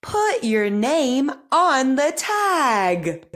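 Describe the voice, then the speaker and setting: Over-enunciating woman, high-pitched, slow and deliberate. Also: big pitch swings, fairly bright tone. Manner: encouraging. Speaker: speech articulation teacher. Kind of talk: articulation drill lesson, reading practice sentences.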